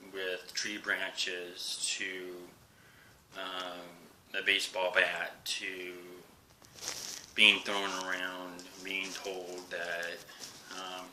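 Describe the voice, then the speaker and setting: A man in his forties talks straight into his camera in a confessional vlog. His voice sits very low and has a strained, forceful edge. He speaks haltingly with many fillers, sometimes sinking to a near whisper, over a faint hiss. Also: poor audio. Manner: drops to a soft whisper at times. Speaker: vlogger. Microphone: camera he faces while recording.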